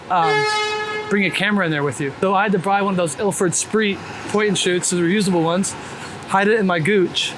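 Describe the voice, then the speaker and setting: A man with a voice that sits high chats casually while walking down a city street, being interviewed as a street photographer. He's candid and informal, swearing and sprinkling in "like" and "man" constantly. Traffic and city noise come through clearly in the outdoor recording.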